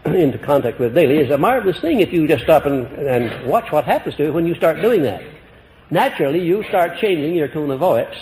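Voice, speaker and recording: A man giving a motivational lecture to a live audience, folksy and emphatic, deliberately swinging his voice up and down. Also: mid-range voice, darkish tone, in a large hall, a little hiss or hum, rough recording. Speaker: motivational speaker.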